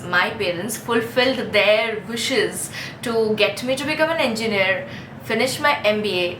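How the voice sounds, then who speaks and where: A woman's voice: mid-range voice, pushed and bright, roomy sound, a little hiss or hum, rough recording. A woman in her thirties from India giving a casual, earnest self-help talk to camera, chatty with frequent restarts. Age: 30s. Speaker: vlogger. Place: Mumbai street with ambient noise.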